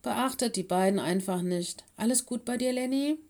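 A woman voicing a caring, busy fox headmistress and mother in a children's audiobook, brisk and motherly. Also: fairly high pitch, darkish tone, voice pushed up, natural voice. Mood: warm. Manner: brisk and motherly, stern with helpers.

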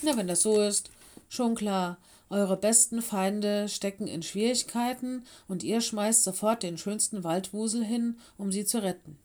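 A woman's voice: mid-range voice, unhurried, a little mellow, close to an everyday voice. A woman reading an audiobook, voicing a sulky, stubborn young female animal pupil. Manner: sulky, dismissive. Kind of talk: audiobook character voice.

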